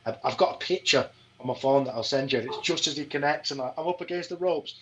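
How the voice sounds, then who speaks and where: A man's voice: medium pitch, fast talker, muffled recording, crowd noise. A man, a podcast guest telling fight stories in casual chat, swearing often and asking "do you know what I mean".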